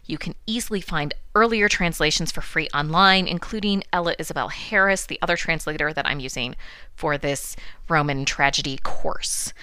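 A woman's voice: sits low, moderate pace, sharp tone, smooth, no echo. A middle-aged woman hosting a classics podcast, giving a scripted lecture with wry, dry asides. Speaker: podcast host teaching classics.

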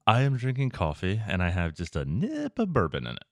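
Deep-voiced man co-hosting a podcast. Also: wildly swooping pitch, fairly quick, no room sound. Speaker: podcast co-host. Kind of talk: casual gaming podcast chat.

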